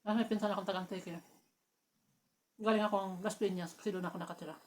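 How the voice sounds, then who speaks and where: A woman from the Philippines chatting casually while eating, telling family stories with frequent laughter and lively bursts. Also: medium pitch, fast. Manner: laughs often, animated when telling anecdotes. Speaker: vlogger.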